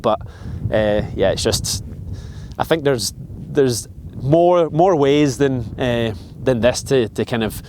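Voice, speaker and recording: A Scottish man in his forties speaks to the camera out on a mountain, pausing and restarting as he thinks aloud. His voice sits a touch high and a little shaky from the cold. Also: a little mellow, slight background noise. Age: 40s. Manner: halting, reflective, many restarts and fillers. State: shivering in the cold. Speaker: vlogger. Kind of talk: casual talk to camera. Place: outdoors on a mountain.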